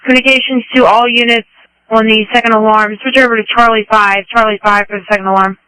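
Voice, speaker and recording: A man's voice: sits high, fairly even intonation, fast talker, bright, forceful tone, clean tone, no room sound, rough recording. A man making procedural, matter-of-fact dispatch announcements over two-way radio. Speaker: fire dispatcher.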